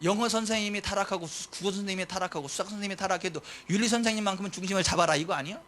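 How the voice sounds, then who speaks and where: Man, pastor, sermon, high voice, bright edge, impassioned, shouted declarations, rhetorical questions. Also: rapid-fire. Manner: impassioned, swings between soft asides and loud shouted declarations.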